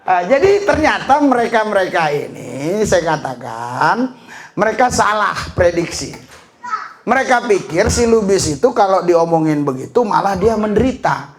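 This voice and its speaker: A man preaching a sermon as pastor, lively and full of laughter and shouted exclamations. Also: high voice, moderate pace.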